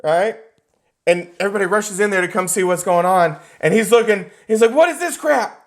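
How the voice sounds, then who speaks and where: A man teaching a real estate class, lecturing in an animated, joking way and acting out little scenes for the students. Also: high-pitched, brisk. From United States. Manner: animated, joking, acts out characters.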